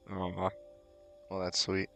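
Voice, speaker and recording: A man chatting casually while streaming a building game, relaxed and rambling, his voice slightly worn. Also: low voice, vocal fry. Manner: relaxed, rambling, laughs softly to himself. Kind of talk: casual live-stream chat. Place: at home late at night. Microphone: desk mic with cord.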